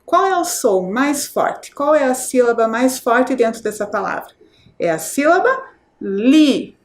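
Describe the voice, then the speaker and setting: High, lively teacher sounding out syllables. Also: female voice. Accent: Brazilian Portuguese. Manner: slow, syllable-by-syllable drawn-out pronunciation; frequent checking "tá?" with the children. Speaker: primary school teacher. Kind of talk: video lesson for children.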